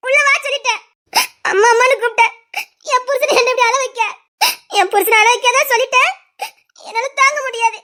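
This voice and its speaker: A desperate wife with a Tirunelveli Tamil accent, begging tearfully over and over, as an actress plays her. Her voice sits extremely high and rings sharp and bright. The acting is melodramatic and shrill. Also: steady tone, fairly quick. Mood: tearful pleading. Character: distraught wife pleading for her husband. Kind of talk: melodramatic web-series acting.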